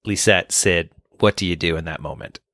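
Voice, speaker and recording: A man's voice: deep voice, fairly even intonation, normal speed, a bit bright, no room sound, studio quality. A man hosting a ministry podcast, asking questions in a casual way with frequent restarts. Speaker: podcast host.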